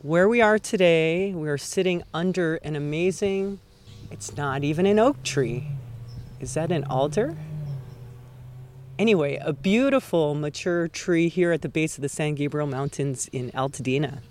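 A woman's voice: deep voice, moderate pace, a little mellow. Guest: middle-aged woman from Hawaii, chatty, upbeat, recorded outdoors. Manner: chatty and upbeat, thinking aloud. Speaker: guest, town council member. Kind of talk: casual interview talk. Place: outdoors under a tree at a mountain base.

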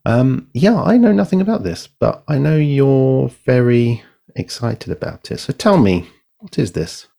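A man's voice: medium pitch, very animated, a little slow, gravelly, mellow. Playful man hosting a chatty podcast. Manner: playful, self-deprecating, stumbles over names and dates. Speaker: podcast host. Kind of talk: casual podcast chat.

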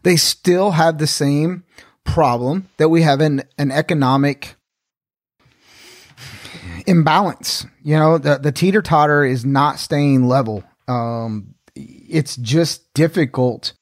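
A man's voice: a little high, takes it slowly, dry recording, studio quality. A man co-hosting a podcast in casual chat, working through his points step by step and readily agreeing. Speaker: podcast co-host.

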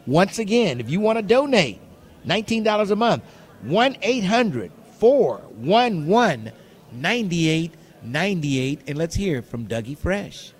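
A man's voice: high-pitched, sing-song, a little slow, husky. A man hosting live radio, delivering a contest promo and ticket giveaway, repeating key phrases and numbers for emphasis. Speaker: radio show host. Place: live broadcast booth at a trade show.

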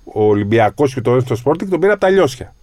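A man co-hosting a podcast, chatting casually and relaxed, sometimes halting as he tries to remember. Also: mid-range voice, no echo, clean studio sound. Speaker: podcast co-host. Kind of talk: casual chat about basketball.

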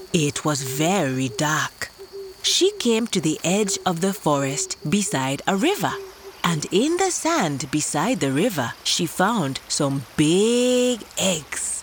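A woman's voice: low-pitched, sing-song, slow, noisy background. A woman hosting a children's story show, narrating in a playful way, like an entertainer addressing little listeners.

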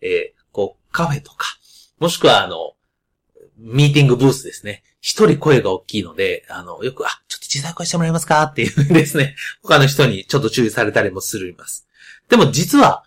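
A man hosting a podcast with a loud, carrying voice, explaining ideas in a casual monologue full of asides and fillers. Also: mid-range voice, sing-song, a little fast, husky. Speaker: podcast host.

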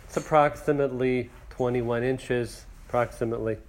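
A man's voice: medium pitch, steady tone, normal speed. A man teaching a religious text class, translating phrases and counting lines aloud for his students.

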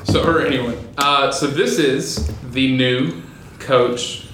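A man hosts a casual podcast among friends. He rambles, chuckles and fills his pauses with "uh". His voice rings in an echoey room with a faint hiss underneath. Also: medium pitch, steady tone. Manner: rambling, chuckling, many fillers. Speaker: podcast host.

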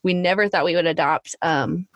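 A woman's voice: fairly low pitch, moderate pace, fairly bright tone, no echo. Woman guest, chatty, lots of likes and ums, dry close sound. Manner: chatty, many likes and ums, laughs often. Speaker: podcast guest. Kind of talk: casual conversational storytelling.

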